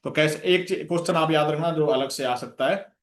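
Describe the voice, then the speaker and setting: A man's voice: on the high side, moderate pace, roomy sound. A man giving a revision lecture for an exam, listing terms with memory tricks and checking in with "theek hai" again and again. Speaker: exam coaching teacher.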